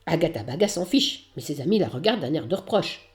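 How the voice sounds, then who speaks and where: A woman narrating a children's storybook aloud in an expressive, lively way. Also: deep voice, brisk.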